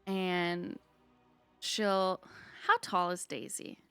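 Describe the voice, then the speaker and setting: A woman player in a tabletop game, giggly and excitable as she describes her moves. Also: on the low side, drawn-out words, clear, resonant tone, no room sound, soft background music.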